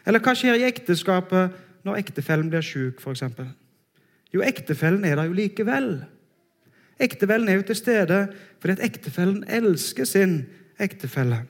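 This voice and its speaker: A man preaching a sermon in a church, earnest and emphatic, slowing down on his key phrases. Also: sits high.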